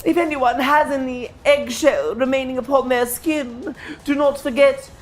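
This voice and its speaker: A woman's voice: high voice, measured pace, voice pushed up. A woman voicing a sly, gleeful male satyr in a tabletop game, with flowery, grandiose, singsong speech. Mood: grandly gracious.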